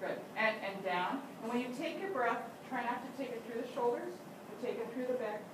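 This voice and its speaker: A woman's voice: a little high, a little fast. An older woman teaching a flute master class, giving encouraging instructions and frequent praise. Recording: echoey room, distant mic, loud noise.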